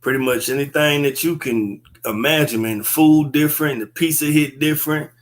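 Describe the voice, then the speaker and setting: A man's voice: a little high, normal speed. A man, a guest comedian talking in a laid-back, slangy way over a webcam video call from an indoor room. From Texas. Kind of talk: casual interview chat.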